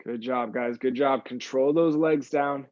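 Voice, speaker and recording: Guy leading a live core workout, breathy from effort, keeps encouraging everyone, kinda dull dry audio. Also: mid-range voice, fairly even intonation, unhurried, a little mellow, no room sound. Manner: encouraging, repeats short praise to the group. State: exertion, audible sighing breaths. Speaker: fitness instructor. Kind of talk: live workout class coaching, counting down and cueing moves.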